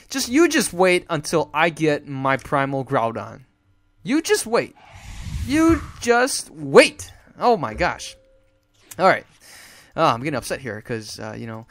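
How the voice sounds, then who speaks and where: A young man talks through his card game match in a casual, rambling way, full of fillers and sudden exasperated outbursts. His voice sits a little high and swoops all over. The sound is dry and close, with no room around it. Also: fairly bright tone, no echo. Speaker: gameplay commentator. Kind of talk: casual gameplay commentary.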